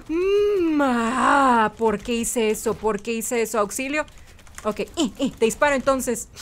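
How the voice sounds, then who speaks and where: Excitable woman narrating gameplay. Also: on the high side. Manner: excitable, chatty, sprinkles English words. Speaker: gaming channel host. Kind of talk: let's-play commentary.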